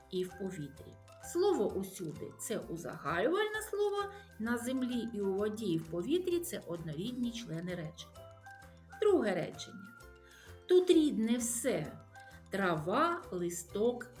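A woman teacher explaining a grammar lesson, listing examples slowly and deliberately with stressed emphasis. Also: on the high side. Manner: slow, deliberate enumeration with rising emphasis.

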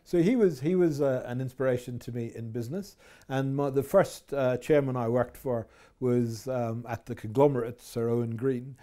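Scottish man, fifties, mellow voice, measured, lapel mic, office interview. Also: medium pitch. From Scotland. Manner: measured, reflective, with frequent fillers. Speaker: company chief executive, interview guest. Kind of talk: business interview. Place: office with window blinds.

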